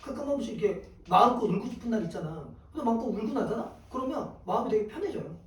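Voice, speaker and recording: High-voiced male teacher in an echoey room. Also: racing. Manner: questions then answers himself, lively. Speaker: Korean exam prep teacher. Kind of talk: classroom lecture. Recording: echoey room from a distant mic.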